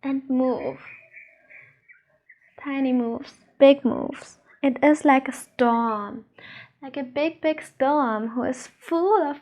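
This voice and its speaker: A meditation teacher and channel host, a woman with a high voice, leads a guided meditation at a slow pace. She is soothing and unhurried, giving gentle instructions with pauses between them.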